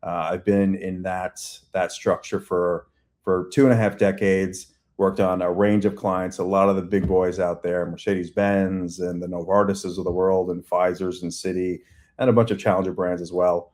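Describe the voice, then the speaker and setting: A man's voice: sits low, little pitch movement, moderate pace, a little mellow. A man in his forties with a Long Island accent, answering interview questions at length in a chatty way with many fillers. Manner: talkative, uses many fillers and restarts. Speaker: agency CEO guest.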